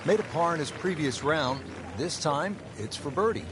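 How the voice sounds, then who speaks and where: A man working as a golf play-by-play commentator, calling the action in short, measured phrases. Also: on the high side, lively intonation, background noise. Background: music and crowd.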